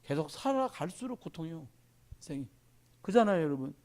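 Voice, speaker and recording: Male pastor, middle-aged, high and very animated delivery, sermon in church. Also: a little fast. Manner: animated preaching, addresses congregation directly.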